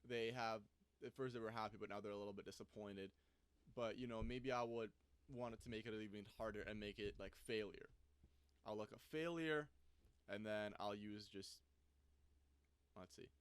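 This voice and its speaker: Man with a smooth, dry voice. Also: fairly low pitch, fairly even intonation, normal speed, pauses often, dry recording. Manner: thinks aloud while clicking, loose and conversational. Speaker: software reviewer. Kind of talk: casual screen-recorded tutorial.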